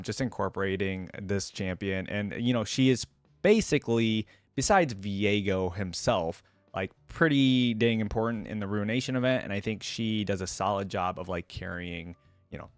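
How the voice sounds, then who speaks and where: A young man with a medium-pitched voice and clean sound free of room echo gives off-the-cuff reaction commentary as a video host. He's informal and rambling, often tagging his points with "right?".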